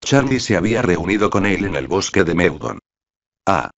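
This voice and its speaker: A man reads a novel aloud in a steady, measured way. His voice is very low and deep. The recording is dull and lo-fi, without much sparkle. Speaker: audiobook narrator. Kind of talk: scripted narration.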